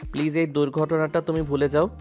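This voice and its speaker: A man's voice: fairly high pitch, flat delivery, fairly quick, darkish tone, soft background music, natural voice. A man voicing a young husband in an audio love story, speaking soothingly and pleading with his wife.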